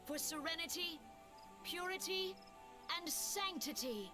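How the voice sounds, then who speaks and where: A woman voicing a solemn elder leader giving a formal memorial speech in a game cutscene, measured and grand. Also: extremely high pitch, animated, music in the background.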